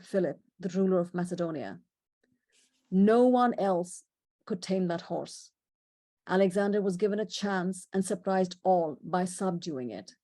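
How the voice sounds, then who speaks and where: A middle-aged woman from India, speaking with an Indian accent in a lowish, dark voice, presents an illustrated talk on horses in history and culture. She keeps it chatty, with asides and small laughs.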